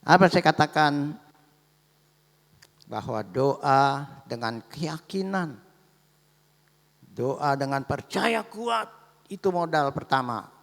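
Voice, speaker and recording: A male pastor preaching a sermon, telling a story to his congregation and calling them by a warm form of address. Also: on the high side, expressive, takes it slowly, vocal fry, long pauses. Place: church sanctuary. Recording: echoey church hall.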